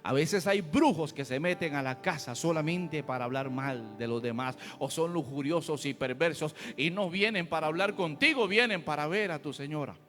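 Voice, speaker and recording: A man preaching a fiery, folksy sermon with a high, ringing voice. His words trail off in the long reverb of a church hall, with soft music playing behind him. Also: normal speed, hardly any pauses. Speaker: pastor.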